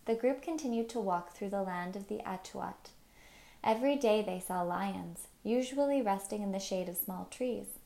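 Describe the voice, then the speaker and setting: Woman, audiobook narrator, calm measured reading, mellow warm tone, mid pitch. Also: vocal fry.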